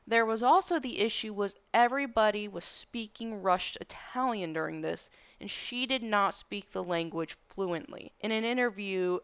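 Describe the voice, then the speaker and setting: A woman's voice: mid-range voice, fairly bright tone, smooth, dry recording, lo-fi sound. A woman hosting a true crime podcast, telling the case in a casual storytelling way. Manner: casual storytelling, reads case details evenly. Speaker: podcast host.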